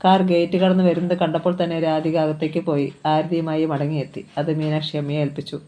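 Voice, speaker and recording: Novel reader, steady narrating delivery, warm dark tone. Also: medium pitch, fast. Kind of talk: reading a novel aloud.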